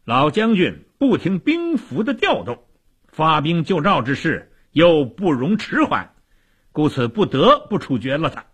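A man's voice: fairly high pitch, sing-song, measured pace, a bit bright, breathy edge, voice pushed up, full character voice. A man voicing a resolute noble lord who firmly declares his decision to the troops. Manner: ringing, firm declaration.

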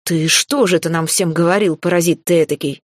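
A hot-tempered young male mage, as a woman reading an audiobook plays him, blustering and indignant. The voice sits low and husky. The recording is close and dry. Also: steady tone, fairly quick, no echo, lightly acted. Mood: furious.

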